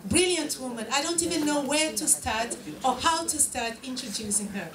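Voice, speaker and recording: A woman hosting a live talk show, introducing and interviewing a guest with emphatic, deliberate phrasing. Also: sits high, a crowd in the background. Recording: echoey room, distant mic, noisy.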